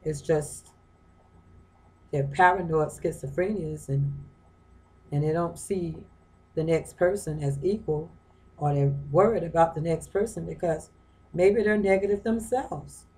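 A woman's voice: sits low, unhurried, pauses often, a little mellow, rough recording. A woman giving an informal lecture from home, talking through a book in a conversational way, often repeating phrases and asking rhetorical questions. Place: her home.

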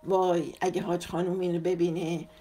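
Lady reading as a cheeky joking guy, teasing and playful, low mellow voice, audiobook. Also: level tone, close to an everyday voice. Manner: mocking, playful. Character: teasing mischievous younger man, joker.

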